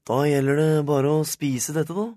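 A cheeky boy with a lifted, lighter voice, calm and sure of himself, as a man reads him. The recording is close and dry. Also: fairly high pitch, dry recording, pitched above the performer's own voice, lightly acted. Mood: confident. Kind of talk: audiobook character voice.

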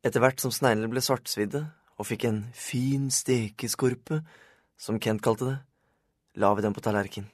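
A man's voice: medium pitch, fairly even intonation, dry recording, clean studio sound. A man reading a first-person children's audiobook in a plain storytelling manner. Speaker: audiobook narrator. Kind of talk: scripted first-person narration.

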